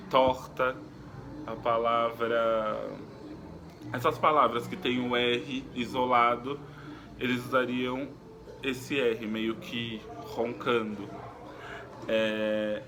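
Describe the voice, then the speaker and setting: A man teaching a recorded lesson in an unhurried, explaining way, pausing often with fillers and restarts. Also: mid-range voice, flat delivery, background noise.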